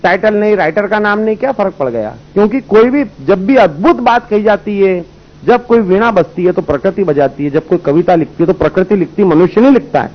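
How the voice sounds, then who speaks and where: Man, raised pitch, spiritual teacher telling anecdotes, muffled lo-fi old tape. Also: expressive, fairly quick. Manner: storytelling, rhetorical questions, voices characters in anecdotes. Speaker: spiritual speaker. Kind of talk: spiritual discourse with parables. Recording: dull lo-fi old recording.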